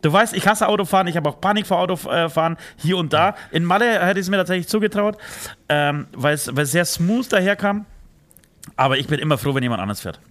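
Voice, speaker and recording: A man's voice: high voice, expressive, brisk, fairly bright tone. Rambling German man, casual banter. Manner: rambling storyteller, many fillers and restarts. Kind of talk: casual chat.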